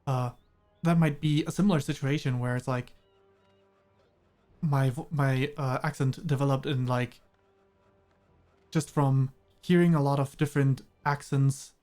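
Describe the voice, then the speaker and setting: The young man from Germany, a native German speaker whose English has a slight British-American blend, chats casually over soft background music while gaming on stream. Unhurried with long pauses, his medium-pitched, darkish voice keeps a fairly even intonation as he rambles hesitantly and laughs often.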